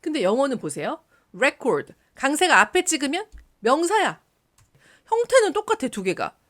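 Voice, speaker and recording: A woman teaching an English lesson in a casual video, lively, switching between polite and casual speech and sounding out example words. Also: sits high, moderate pace.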